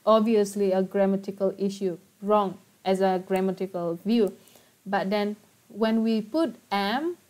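A woman's voice: mid-range voice, a little mellow. Indonesian-accented woman teaching English grammar. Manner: mixes Indonesian explanations into English, chatty, asks the class questions. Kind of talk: online class lecture.

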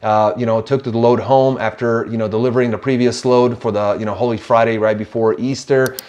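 A man's voice: medium pitch, fairly even intonation, a little mellow. A man in his thirties reviewing trucking loads to camera in a small office, reading off miles and rates with frequent "uh" and "you know". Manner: brisk, number-heavy delivery with frequent "uh" and "you know". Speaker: truck dispatch company host. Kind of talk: business recap to camera. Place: small office, indoors, seated in leather chair. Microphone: lapel mic.

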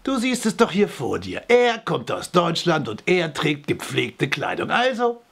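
A male reader puts on a stubborn old man from a village, nosy and sure of himself. The voice sits fairly high and swings widely. It sounds like an audiobook scene. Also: wildly swooping pitch, unhurried, creaky, a bit bright, breathy edge, full character voice. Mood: boastful. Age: older. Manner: stubborn, self-assured.

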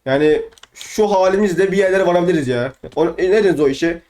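A man's voice: sits high, fast, darkish tone. A young man from Turkey chatting casually over gameplay, boastful and teasing, repeating his lines. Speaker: gamer.

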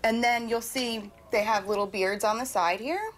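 A young woman chef guides viewers through a dish in a friendly, explanatory way. She is on a TV studio kitchen set with a lapel mic. A frying pan sizzles clearly behind her. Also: a little high, moderate pace, a little hiss or hum. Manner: friendly, explanatory, laughs easily. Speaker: chef guest. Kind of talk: cooking demonstration.

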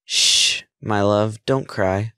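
A man's voice: medium pitch, lively intonation, brisk, gravelly, fairly bright tone, no room sound, studio quality. A man voicing a menacing female kidnapper who talks in a soothing yet sarcastic way. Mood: falsely soothing.

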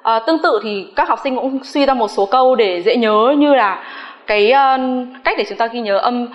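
Woman teacher, slightly high voice, slow careful delivery with repeated drill words, recorded in a reverberant room. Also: highs cut off. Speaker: English teacher. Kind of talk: recorded pronunciation lesson. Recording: echoey room with long reverb.

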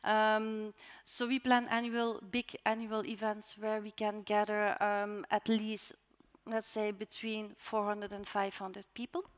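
A woman in her forties talks on a conference stage into a headset mic. She speaks in a flat, even tone and often pauses to find words. Long hall reverb follows her voice. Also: medium pitch, clean tone. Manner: halting, searching for words with many fillers. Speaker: panel speaker. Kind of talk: conference talk.

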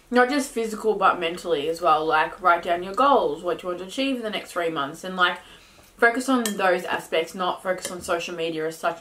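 A woman's voice: lowish voice, sharp tone. A woman in her twenties chatting casually at a table as a guest. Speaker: guest, sister of host, fitness instructor. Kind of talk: casual chat. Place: small room indoors at a table. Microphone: camera a short distance away. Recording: background noise, clinking cutlery and bowls.

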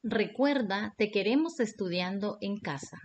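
A woman teacher with a Honduran Spanish accent, reading a scripted lesson in a slow, deliberate way. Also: medium pitch, expressive, slight background noise.

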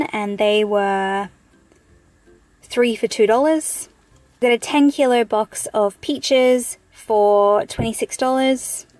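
A woman's voice: a little high, a little mellow, no room sound. Chatty Australian woman with a dry, close sound. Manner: chatty, thrifty, matter-of-fact price rundown. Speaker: vlogger. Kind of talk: casual grocery haul vlog. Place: inside a parked car.

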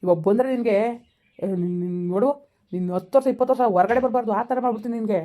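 A woman's voice: a little high, very fast, dark tone, close to an everyday voice. A woman voicing a stern, bullying male police officer who scolds and threatens a village wife over the phone in a comedy skit. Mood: threatening.

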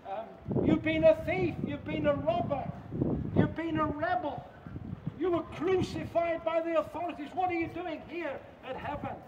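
A man's voice: very high voice, normal speed, background noise. A man voicing a puzzled heavenly welcoming committee, asking hesitant questions inside a street sermon. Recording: far-off echoey muffled street recording.

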